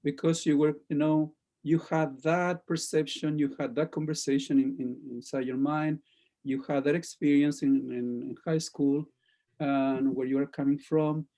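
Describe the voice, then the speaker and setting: A male teacher talks through his critique of a student speech on a video call. His voice is fairly high for a man but has a dark, mellow tone. He halts often, restarts his sentences, and keeps checking in with "okay?". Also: flat delivery, moderate pace. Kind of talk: classroom feedback.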